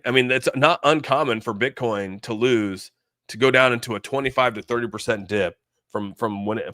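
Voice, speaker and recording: A man's mid-range voice with a sharp tone carries this casual crypto livestream, where he rambles, thinks aloud about markets, and answers viewers. The studio-quality audio has no echo.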